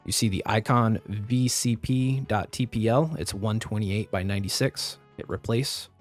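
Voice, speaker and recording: Narrating a screen-recorded computer tutorial at a normal pace, a man explains each step plainly and practically. His voice is lowish and a touch raspy, his throat still rough after a recent bout of flu, and soft music sits quietly behind him.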